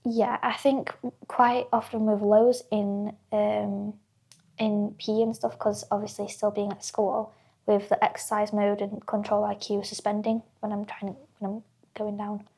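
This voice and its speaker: A woman's voice: medium pitch, flat delivery, a little slow, vocal fry, a little mellow, slightly rough. A teenage girl, a guest telling her stories in casual chat and acting out what people said. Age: teens. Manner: chatty storyteller, acts out quotes, laughs often.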